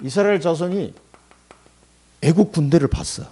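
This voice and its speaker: A man preaching a Sunday sermon in a church, in a colloquial, animated way, acting out the people he quotes and chuckling as he talks. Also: a little high, moderate pace. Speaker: pastor. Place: church sanctuary.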